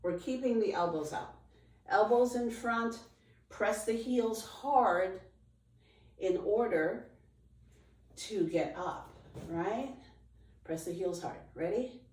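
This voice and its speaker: Slow-paced woman aerobics instructor in echoey room. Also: medium pitch, a little mellow. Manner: encouraging aerobics instructor, short commands and counts. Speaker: fitness instructor leading a chair workout. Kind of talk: aerobics instruction, counting reps and cueing form. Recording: roomy echo, distant microphone.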